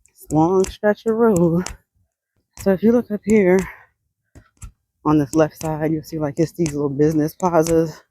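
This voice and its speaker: A woman's voice: low-pitched, fairly even intonation, normal speed, pauses often, warm tone. A woman vlogger, chatting casually and laughing often, short of breath as she walks outdoors along a roadside sidewalk. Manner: chatty, laughs often, sighs between sentences. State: out of breath while walking. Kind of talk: casual chat.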